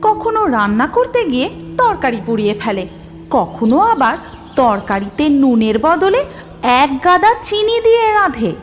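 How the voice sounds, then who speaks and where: A woman tells a cartoon folktale in a high, lilting voice that rises and falls with the story. Her narration is scripted and expressive, with music playing softly behind her. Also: normal speed. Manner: expressive, sing-song storytelling.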